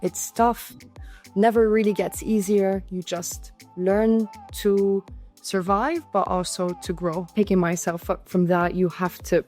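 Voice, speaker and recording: A woman's voice: mid-range voice, fairly even intonation, unhurried, darkish tone, faint music behind. A young woman from Syria, a podcast guest telling her story in an earnest way, often restarting and repeating words. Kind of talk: conversational interview storytelling.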